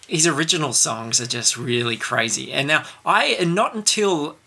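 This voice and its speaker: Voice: mid-range voice, expressive, moderate pace, gravelly, bright, forceful tone, slightly rough. A podcast co-host talking casually about a film, rambling with frequent ums and restarts. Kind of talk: casual film review chat.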